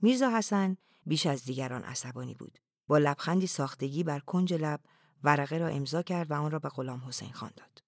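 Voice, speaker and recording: A narrator reading a novel aloud in a calm, even, often hushed way. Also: mid-range voice, dry recording, clean studio sound.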